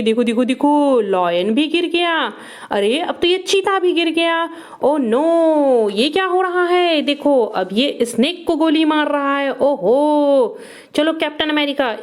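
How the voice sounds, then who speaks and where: A woman narrating toy play for children in an excited, exclaiming way, cheering the toys on. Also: high-pitched, a little slow.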